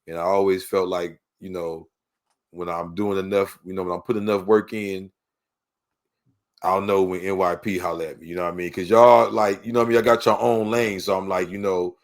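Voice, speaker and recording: Middle-aged LA man, very deep voice, interview guest, loose and rambling. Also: steady tone, fairly quick. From Los Angeles. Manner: laid-back and rambling, heavy on "you know what I'm saying". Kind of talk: casual interview talk.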